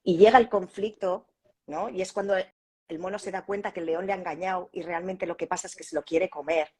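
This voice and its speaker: A woman co-hosting a relaxed talk on storytelling, acting out little scenes as she explains. Her voice is husky and a bit low, and she keeps checking in with short questions. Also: brisk. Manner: lively storyteller, many tag questions. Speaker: co-host. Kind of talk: casual chat about storytelling.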